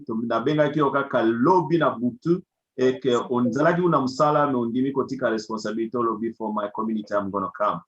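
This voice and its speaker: A man's voice: mid-range voice, a bit bright. Man hosting a community video call. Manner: switches between English, Lingala and French. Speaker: community group host. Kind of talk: casual online meeting hosting. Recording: dull lo-fi video call audio.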